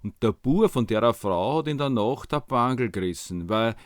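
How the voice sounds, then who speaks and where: A man narrates a story in broad Viennese German. His wording is colloquial and slangy, in the way of a dialect storyteller. His voice sits at a middle pitch, and the sound is dry with hardly any room. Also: animated, moderate pace, dry recording. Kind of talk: dialect storytelling of a Bible tale.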